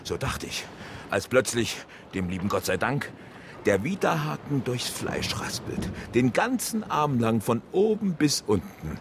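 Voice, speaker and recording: A gruff one-armed sea captain. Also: male voice, medium pitch, very animated, measured pace, background noise. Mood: grim. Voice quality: boisterous seafaring storyteller. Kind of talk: radio drama acting.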